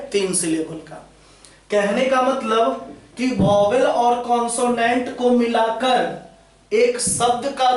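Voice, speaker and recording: A man teaching English grammar in a lesson, repeating his points and often asking whether the students have understood. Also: high-pitched. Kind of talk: classroom-style lesson explanation. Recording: very echoey room, voice far from mic.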